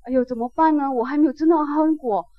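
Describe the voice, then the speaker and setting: A woman's voice: high voice, very fast, no echo, lightly acted. A woman voicing a grieving young male disciple who pleads tearfully as she retells a Buddhist story. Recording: dull, dry lo-fi recording.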